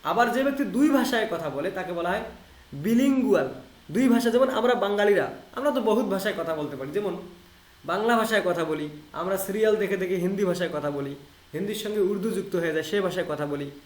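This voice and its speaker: A man's voice: high-pitched, expressive, roomy sound. A man from Bangladesh teaching an online linguistics lesson, explaining English terms in Bengali and repeating key phrases. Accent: Bangladeshi Bengali, Rangpur. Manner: reads English text slowly and deliberately. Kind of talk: online lecture.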